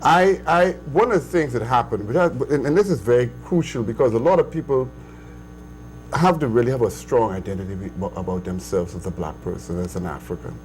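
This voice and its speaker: A man's voice: mid-range voice, fairly quick, soft background music, rough recording. Emphatic older Bahamian man. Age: 60s. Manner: emphatic, insistent, with many restarts and sudden rises. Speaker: guest. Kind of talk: conversational interview.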